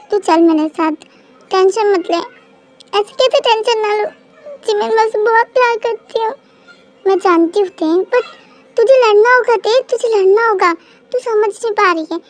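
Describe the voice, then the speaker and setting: A high-voiced reader voicing a fiercely loyal young female best friend in a fan-dub audio drama, blunt and protective. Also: normal speed. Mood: comforting. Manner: scolding then comforting.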